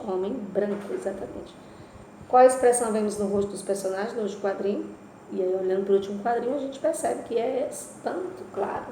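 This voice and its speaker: A woman's voice: medium pitch, warm tone. A woman teacher with a Brazilian accent giving a remote Portuguese lesson, explaining step by step and asking and answering her own questions. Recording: echoey room with faint noise.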